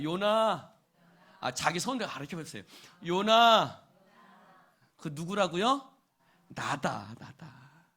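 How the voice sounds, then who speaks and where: A male pastor giving a sermon at a church service, dramatically acting out voices and firing questions at the congregation, swinging between loud exclamations and quiet asides. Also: high voice, husky.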